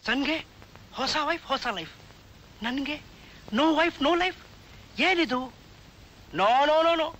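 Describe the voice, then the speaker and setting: A squeaky giddy old father. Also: lively intonation, measured pace, pushed and bright, a little hiss or hum, exaggerated voice, low-quality recording. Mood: teasing. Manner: squeaky, playful, sing-song English rhymes. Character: comic elderly father, giddy, mixes English. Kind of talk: 1980s film comedy acting.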